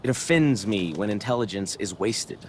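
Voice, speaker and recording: A man's voice: fairly low pitch, animated, normal speed, darkish tone, slight background noise, lightly acted. A man playing a pompous, earnest, stuck-up teenage student in a video game, speaking with haughty, precise diction. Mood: disdainful.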